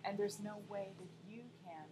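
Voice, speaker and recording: A young woman from the United States, a pageant coach, talking lively and expressively as a guest at a restaurant table. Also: medium pitch, normal speed, background noise. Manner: lively, expressive, laughs often. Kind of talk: casual interview chat. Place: restaurant dining room, indoors.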